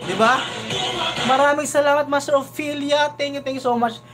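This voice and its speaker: A man hosting a casual live reaction stream, talking in an animated, chatty way and often asking "di ba?". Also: very high voice, moderate pace, soft background music. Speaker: reaction video host.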